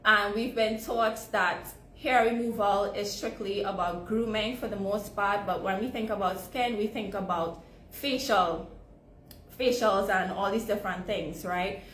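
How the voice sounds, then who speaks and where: A woman's voice: mid-range voice, steady tone, measured pace, fairly bright tone. A woman from Trinidad and Tobago with a Trinidadian accent, teaching a live online session on skincare for hair removal in a conversational way, often ending points with "right?". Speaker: sugaring educator. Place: home at evening, live stream. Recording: roomy echo, faint background noise.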